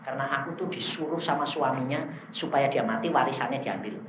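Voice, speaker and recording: A man voicing a scheming male demon in a sermon story, in a low, matter-of-fact tone. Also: fairly quick, noisy background, lightly acted. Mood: flat confession. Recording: echoey, dull-sounding room.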